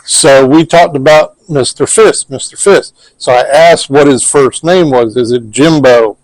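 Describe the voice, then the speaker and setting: A man's voice: medium pitch, unhurried, dry recording, low-quality recording. Guy retelling a spirit session, quoting himself, dry sound. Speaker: paranormal investigator. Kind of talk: casual recap of an investigation.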